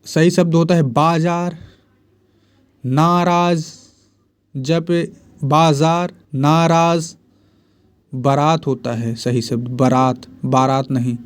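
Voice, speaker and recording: A man's voice: fairly high pitch, very slow, pauses often, smooth. A man teaching Hindi spelling and grammar for exams, repeating each word and answering his own questions. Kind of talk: exam-prep lesson.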